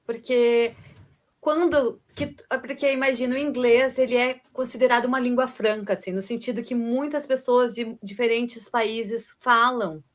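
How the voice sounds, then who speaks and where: A woman's voice: on the high side, fairly even intonation, normal speed. A young woman co-hosting a live stream, chatting casually, agreeing with her partner and adding her own story. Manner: warm, agreeing, telling a personal anecdote. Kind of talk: casual chat.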